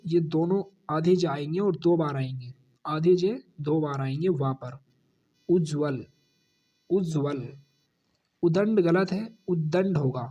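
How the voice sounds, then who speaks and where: A man with a Hindi accent teaching a spelling lesson for exam students, repeating each corrected word and dropping low on the answer. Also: darkish tone.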